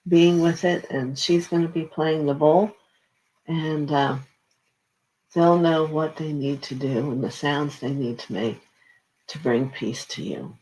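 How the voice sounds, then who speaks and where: A host of unclear sex leading a live guided relaxation session in a gentle, halting, unscripted way with pauses. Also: medium pitch, low-quality recording. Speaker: spiritual session host leading singing bowl meditation.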